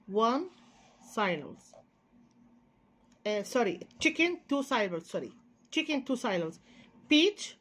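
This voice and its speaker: An Egyptian woman teaching young children English, drilling sounds slowly and checking in with "okay". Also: on the high side, a bit bright. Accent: Egyptian Arabic. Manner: drills letter sounds slowly, often says sorry and okay.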